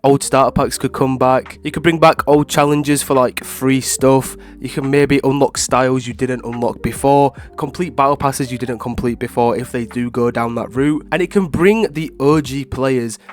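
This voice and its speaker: A man's voice: medium pitch, steady tone, normal speed, hardly any pauses. A man who is ill with a blocked, nasal voice, giving casual, rambling opinion commentary to viewers as a gaming video creator. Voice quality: nasal, congested. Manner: informal, rambling, frequent hedging with "like" and "obviously".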